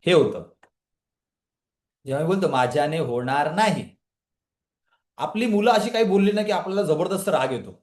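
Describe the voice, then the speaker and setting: Man, motivational trainer, live online class, higher voice, roomy echo. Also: brisk, pauses often. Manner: energetic motivational talk, questioning the audience, often addressing a live chat. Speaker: trainer leading a women's empowerment session. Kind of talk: live online coaching session.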